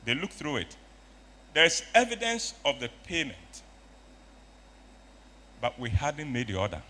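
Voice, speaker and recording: An older man telling a story at a conference, acting out the dialogue with sudden loud bursts. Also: mid-range voice, wildly swooping pitch, unhurried, slight background noise. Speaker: motivational speaker. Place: conference stage.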